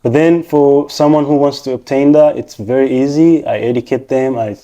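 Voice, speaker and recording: In a dark, mid-range voice with a steady tone and normal speed, a Rwandan man answers casual interview questions. He's a technician and financial professional who patiently explains things step by step, point by point.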